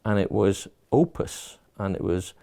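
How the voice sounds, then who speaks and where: A man's voice: lowish voice, lively intonation, a little slow, gravelly, dark tone. A middle-aged man, a college leader giving thoughtful advice in a casual interview, often restarting and repeating words. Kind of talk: reflective casual conversation.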